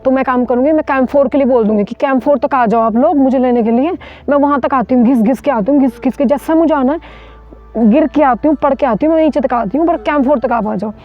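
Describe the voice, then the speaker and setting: A woman's voice: high voice, quick pace. Woman from India telling a survival story. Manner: vivid, urgent retelling with many restarts. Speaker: mountaineer guest. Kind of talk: interview storytelling. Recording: dull lo-fi sound with faint music.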